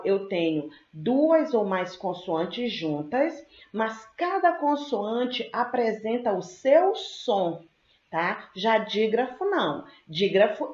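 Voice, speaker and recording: A woman's voice: mid-range voice, darkish tone. Patient schoolteacher woman, echoey lo-fi sound. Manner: patient and explanatory, often checks in with the class; slows to spell out sounds and repeat example words. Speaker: teacher. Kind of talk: recorded grammar lesson for students.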